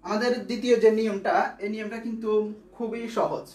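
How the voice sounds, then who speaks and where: A man's voice: high voice, fairly even intonation, fast, darkish tone, echoey room. A man teaching grammar, explaining step by step and answering his own questions. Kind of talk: classroom lesson.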